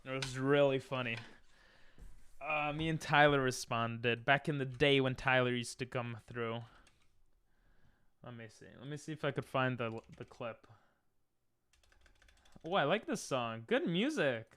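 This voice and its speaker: Here the same kind of Hebrew-native streamer talks loosely while gaming, reading out chat messages and bursting into goofy improvised rhymes. He speaks unhurriedly at medium pitch, pausing often, and his smooth, fairly bright voice carries no room sound.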